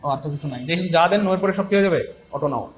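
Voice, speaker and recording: A man's voice: fairly high pitch, expressive, rapid-fire. A man teaching English grammar in a live online class, drilling rules by repetition and teasing his students.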